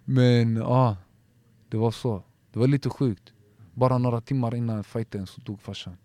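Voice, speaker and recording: Kille som pratar om en fight med många eh och omtag, medelhög röst, torr studio. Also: male voice, medium pitch, fairly even intonation, warm tone, no room sound. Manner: emotional storytelling, halting with many restarts and fillers. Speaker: MMA fighter guest. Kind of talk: casual podcast conversation.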